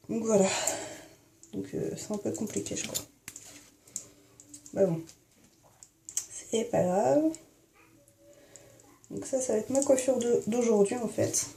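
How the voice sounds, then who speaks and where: Young woman doing a chatty makeup video in her bathroom, mellow tone, says en fait a lot, headset mic on her phone. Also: mid-range voice, creaky. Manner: chatty, many fillers and "en fait". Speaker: beauty vlogger. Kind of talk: casual hair and makeup tutorial.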